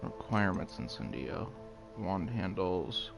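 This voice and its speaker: A man's voice: low-pitched, lively intonation, a little slow, gravelly. A man streaming a game in casual commentary, tired and scratchy-voiced from just waking up, swearing casually and chatting to viewers. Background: game music.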